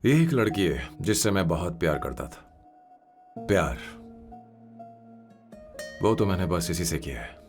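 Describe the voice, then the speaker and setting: A man dubbing an earnest young man who defends his girlfriend against his family, with a husky voice. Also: sits low, very animated, unhurried, pauses often, over music, exaggerated voice. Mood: tender. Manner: pleading and indignant. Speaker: film hero, dubbed. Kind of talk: Hindi film dubbing.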